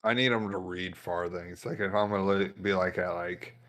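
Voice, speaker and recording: A man's voice: low-pitched, fairly even intonation, fairly bright tone. Easygoing young man telling stories. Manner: easygoing storyteller, quick laughs, slangy. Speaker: podcast co-host. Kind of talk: casual chat.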